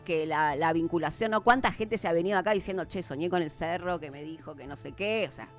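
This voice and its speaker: A woman's voice: lowish voice, fast talker, soft background music. A woman hosting a radio interview, agreeable and reflective, often affirming her guest. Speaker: radio host.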